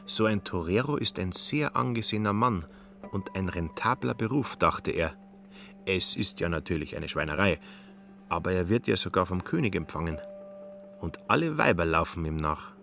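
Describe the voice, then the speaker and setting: Radio-play narrator, man, very deep and gravelly. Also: animated, moderate pace, fairly bright tone, soft background music.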